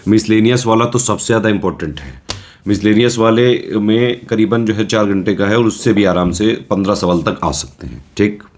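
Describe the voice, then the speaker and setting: A man's voice: on the low side, moderate pace. A man coaching exam students in a casual, reassuring lecture, often checking in with his listeners.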